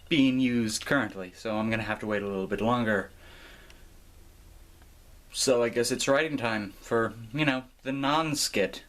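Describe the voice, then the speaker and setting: A man's voice: medium pitch, a bit bright. A young man from the United States talking casually to camera in a rambling, sarcastic way, swearing freely. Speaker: vlogger. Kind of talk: casual vlog talk to camera.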